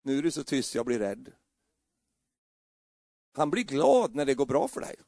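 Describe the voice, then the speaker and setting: Middle-aged man, gravelly dark-toned preacher, humorous, dry close sound. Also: mid-range voice, very animated, no echo. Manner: humorous, acts out scenes with voices. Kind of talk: lively sermon.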